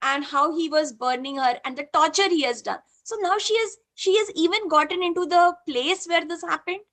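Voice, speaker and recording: This woman has a very high voice and speaks at a normal speed with an Indian accent. Facilitating a spiritual group over video call, she shares a participant's story with animation, moving between English and Hindi amid frequent "you know"s.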